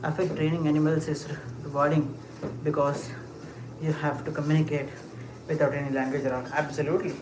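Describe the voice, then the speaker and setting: A mid-range, level voice comes through a little fast as the livestreamer walks and chats. They respond to viewers in a relaxed live session, musing with many fillers and short bursts of laughter, amid echo and clear background noise.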